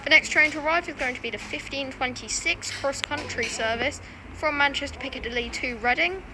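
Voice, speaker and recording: High-pitched female trainspotter outdoors. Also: a little fast. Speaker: trainspotting vlogger. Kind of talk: informal running commentary on passing trains. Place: outdoors on a railway station platform. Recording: noisy outdoor recording with train sounds.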